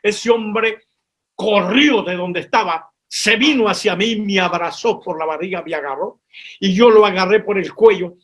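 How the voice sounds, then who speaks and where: High-voiced man preaching a testimony. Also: normal speed, fairly bright tone. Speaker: reverend. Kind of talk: testimony told from the pulpit.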